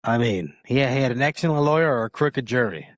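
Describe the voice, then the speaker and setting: A man's voice: mid-range voice, expressive, fast, no room sound, clean studio sound. Blunt, emphatic male podcast host. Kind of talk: casual podcast commentary.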